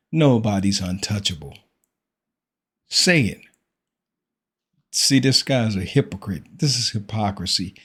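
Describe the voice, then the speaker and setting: A man with a husky, slightly rough voice who hosts a reaction commentary. He criticizes what he hears in a preachy tone and keeps pressing with rhetorical questions. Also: medium pitch.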